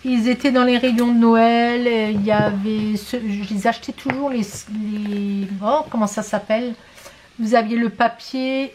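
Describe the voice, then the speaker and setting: Lady rambling about her shopping haul, kinda high voice, lots of ums, faint hiss and clicks behind. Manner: chatty, many hesitations and fillers. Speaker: vlogger showing shopping purchases. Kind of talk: casual chat to viewers.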